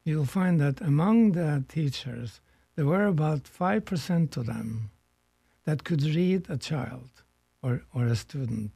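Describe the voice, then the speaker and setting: An older man from Norway talks as a guest on a radio conversation, reflective and unhurried, pausing to search for words. His voice sits a little high for a man but sounds soft and mellow. The sound is close and dry. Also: lively intonation, gravelly, breathy edge, no echo. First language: Norwegian. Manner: reflective, slow and searching with pauses. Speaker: guest, economics professor emeritus.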